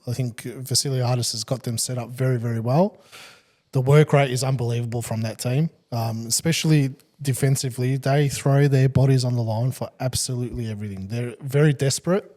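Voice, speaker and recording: A man with an Australian accent, co-hosting a football podcast in casual, measured chat. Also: medium pitch, darkish tone. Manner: measured, laughs easily, hedging asides. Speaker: podcast co-host, football pundit.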